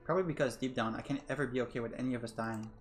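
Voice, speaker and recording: Man doing a worn-down young heroine, fast, medium pitch, faint music. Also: close to an everyday voice. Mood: despairing. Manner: despairing first-person narration, repeating herself. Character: young woman trapped in a time loop, worn down. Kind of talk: narrating a game in character.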